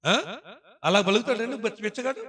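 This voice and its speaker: A male pastor preaches in a church with a high, bright voice. He keeps firing questions at his congregation and teasing them. He breaks into quick impressions of the people he talks about. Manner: animated, acts out voices of people praying and scolding. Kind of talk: sermon.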